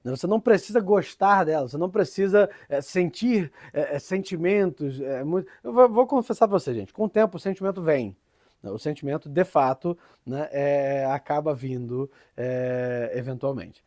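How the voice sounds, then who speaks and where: A man's voice: on the high side, normal speed, darkish tone, no room sound, studio quality. A man with a Brazilian Portuguese accent gives an informal teaching talk, tagging many phrases with "né?" and often restarting.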